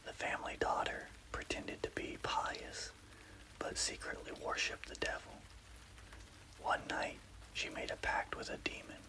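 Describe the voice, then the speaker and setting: A man's voice: unhurried, bright, forceful tone, rough recording. Male ASMR horror narrator, whispers throughout with no voicing, careful storyteller's delivery over rainfall. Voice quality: unvoiced, breathy whisper.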